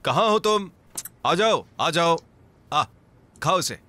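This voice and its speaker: A man's voice: a little high, lively intonation, slow pace, sharp tone, heavily acted. An actor dubbing a harsh, bullying stepfather who barks orders. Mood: commanding. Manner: barking orders. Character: harsh, bullying stepfather, middle-aged man. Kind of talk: Urdu film dubbing.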